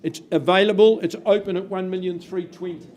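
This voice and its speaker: A man's voice: sits high, fairly even intonation, a little fast, a little mellow. Chatty New auctioneer man. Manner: chatty, teasing bidders between calls. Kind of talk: auction calling. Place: auction room.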